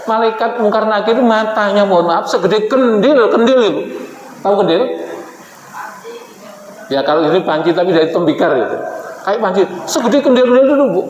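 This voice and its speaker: High-voiced male preacher in an echoey hall. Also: brisk, long pauses, dull audio. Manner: animated, acts out quoted figures, addresses the women present. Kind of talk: Islamic sermon with storytelling. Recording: echoey hall with faint background noise.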